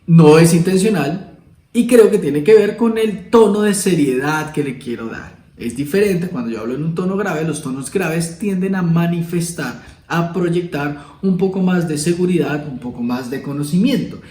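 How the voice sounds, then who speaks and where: Mellow-voiced man explaining to camera. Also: a little high, moderate pace, reverberant, rough recording. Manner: demonstrative, acting out emotional tones of voice. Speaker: video host teaching communication. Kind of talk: casual explanatory talk to camera.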